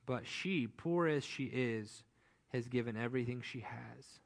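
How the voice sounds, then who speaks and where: A man preaching a sermon as pastor, telling stories in a conversational, animated way. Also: medium pitch, measured pace, vocal fry.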